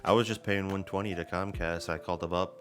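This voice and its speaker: A man with a very low voice rants in a loose, profane podcast chat. He tells his grievances as long stories. Faint music plays underneath. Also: steady tone, fast talker. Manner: profane, ranting storyteller. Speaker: podcast co-host. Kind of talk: casual chat.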